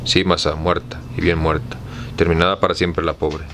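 A fearful, simple servant, read by a man with a Mexican accent in a deep voice that barely rises or falls. The lines come slow and plain. Faint noise sits behind him. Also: little pitch movement, a bit bright. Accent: Mexican Spanish. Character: simple fearful male servant climbing a tree.

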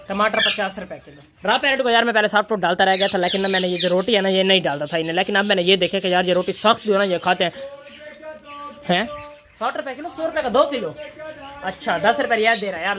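Feeding his birds and rabbits, a young vlogger and bird keeper chats casually in a voice that sits high, with background noise in the clip. Between remarks in this farm vlog narration, he calls to the animals and coaxes them along.

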